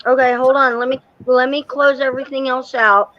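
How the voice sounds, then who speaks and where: A woman on a call in casual chat, her voice doubled by an echo from a second device, talking in halting, stammering restarts through a corded earbud headset. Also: sits high, little pitch movement, bright, forceful tone. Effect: echo from her own second device feeding back. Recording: dull lo-fi call audio with faint noise.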